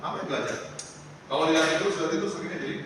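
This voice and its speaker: A man with a rather high voice talks in rapid bursts while leading a singing lesson, chatting with his class and asking lots of questions. He was recorded from a distance in an echoing hall, and the audio is noisy.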